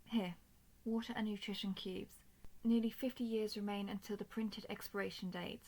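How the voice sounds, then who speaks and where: Woman acting as a stoic, creaky-voiced robot soldier. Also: mid-range voice, steady tone, mellow, natural voice, poor audio. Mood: calm, dutiful. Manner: formal, measured, emotionless delivery. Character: stoic, dutiful, protective female robot soldier. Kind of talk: scripted audio roleplay addressed to the listener.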